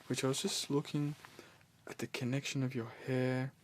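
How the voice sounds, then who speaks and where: A man doing an ASMR role-play as a scalp examiner, speaking softly, soothingly and reassuringly with unhurried instructions. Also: mid-range voice, little pitch movement, a little hiss or hum. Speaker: ASMR performer playing a scalp-check examiner.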